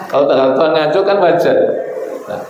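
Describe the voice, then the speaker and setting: Preacher in a very echoey hall. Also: male voice, a little high, darkish tone. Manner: joking, storytelling, recites Arabic verses slowly. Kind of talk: sermon. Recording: echoey hall with faint noise.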